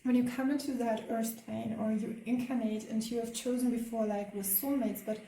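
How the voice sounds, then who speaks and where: A woman's voice: on the high side, fairly even intonation, normal speed, reverberant, slight background noise, poor audio. A woman with a German accent doing a spiritual tarot reading, hesitant and full of fillers. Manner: hesitant, many fillers, soft laughs. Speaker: tarot card reader.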